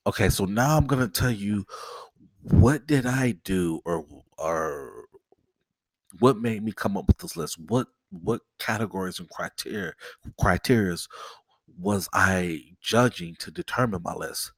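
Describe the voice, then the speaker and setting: A man hosts a casual solo podcast, speaking straight to his viewers in a low voice at a slightly slow pace. He sounds nasal and stuffed up from a cold, and he rambles and repeats himself; the recording has no room sound.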